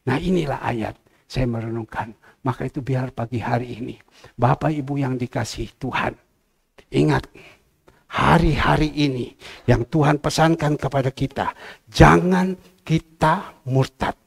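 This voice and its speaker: A man's voice: medium pitch, normal speed, gravelly, husky. A middle-aged male pastor preaching a sermon, emphatic and drawing out key words for stress.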